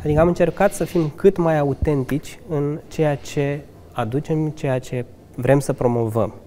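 A man's voice: fairly high pitch, mellow, a little hiss or hum. A man in his thirties from Romania, a restaurant manager answering interview questions earnestly, with restarts and eager asides. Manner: earnest, enthusiastic, occasional laughs and restarts. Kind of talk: conversational interview. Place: restaurant lounge with fireplace. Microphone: handheld mic held by interviewer.

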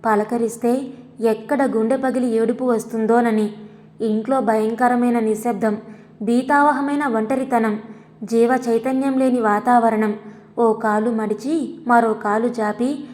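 A woman storyteller narrates an audio story in a measured, dramatic manner. Her voice is fairly high, and the recording has a long, hall-like reverb. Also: fairly even intonation, a little mellow.

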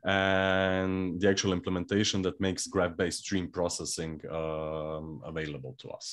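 A young man from Croatia with a very low voice opens an online technical workshop. He comes across as easygoing and a bit self-deprecating, with quick "uh"s between phrases. The sound is a webcam mic on a video call. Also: little pitch movement. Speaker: developer relations engineer presenting a workshop. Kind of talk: live online technical presentation.

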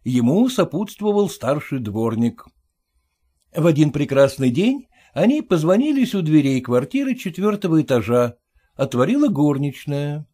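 A man narrating a humorous classic short story as an audiobook reader, in a measured, expressive way. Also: a little high, slightly rough.

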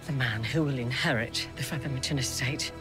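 An arch society gossip. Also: female voice, extremely low pitch, brisk. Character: unseen gossip-writing society lady narrator. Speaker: narrator. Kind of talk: scripted period drama narration. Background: loud score music.

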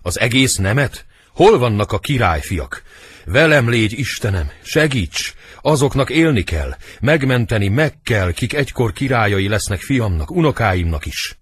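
A man's voice: on the low side, lively intonation, hardly any pauses, breathy edge, voice pushed up. A man voicing a loyal, frantic old male servant in a dramatic audiobook reading. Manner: loud, urgent stage delivery.

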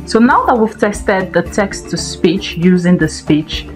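A woman hosting a software tutorial, explaining each step in a steady, instructive way. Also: mid-range voice, unhurried, soft background music. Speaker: tech tutorial host. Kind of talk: screen-recorded software tutorial.

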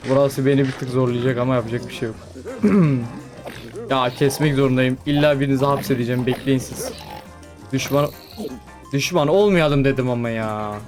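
A young man giving casual commentary over his own gameplay, chatting to the creatures on screen and breaking into excited exclamations. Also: medium pitch, a little fast. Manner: chatty, talks to mobs, frequent excited exclamations. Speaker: gaming YouTuber. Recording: faint background music.

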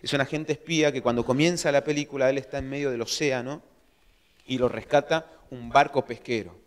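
A man preaching a sermon as pastor, telling stories in a lively way and acting out his own shouts. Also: mid-range voice, a little fast. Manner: animated storytelling, acts out his own shouting. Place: church hall. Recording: long church hall reverb.

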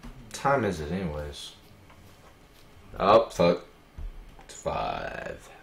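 A young man swearing often while giving casual gameplay commentary, with sudden loud outbursts. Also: extremely low pitch, huge pitch swings, very slow, gravelly. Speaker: let's play gamer. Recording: echoey room.

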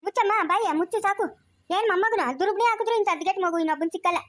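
A woman acting out a sharp-tongued old village grandmother from a comic family skit, fiercely protective and always ready to quarrel. She speaks with a rural Chikkaballapur Kannada accent. The voice is very high and rattles along at a brisk clip. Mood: scolding. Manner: quarrelsome, scolding, fast-talking. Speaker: skit actor.

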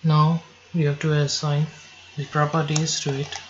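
A man giving slow, step-by-step software instructions over a screen recording, now and then correcting himself. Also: fairly high pitch, completely flat delivery, highs cut off, background noise.

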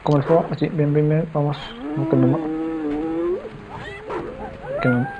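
A young adult man doing excitable let's play commentary, talking to viewers with frequent exclamations. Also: a little high, measured pace. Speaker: gaming youtuber. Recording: slightly dull home mic with faint noise.

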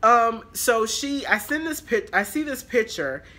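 Woman vlogger, congested and nasal, chatty and filler-heavy, bright tone. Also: a little high, expressive, a little slow. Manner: rambling, filler-heavy talk. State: congested with allergies. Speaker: haul vlogger. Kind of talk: casual chatty vlog.

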